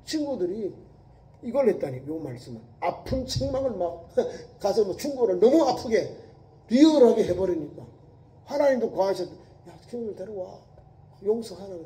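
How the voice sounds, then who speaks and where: A man's voice: high-pitched, very animated, normal speed, warm tone. A male Korean pastor preaching a sermon in a colloquial, emphatic way, with repeated words and small acted quotes. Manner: colloquial preaching, voicing biblical speakers in quotes, emphatic repetition. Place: church sanctuary. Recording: echoey church hall.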